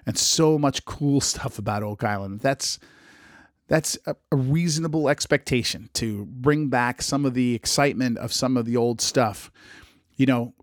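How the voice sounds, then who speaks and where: A man's voice: mid-range voice, no echo, clean studio sound. Man podcasting with a strained voice. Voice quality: strained, struggling voice. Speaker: podcast host and radio DJ. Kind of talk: casual solo podcast commentary.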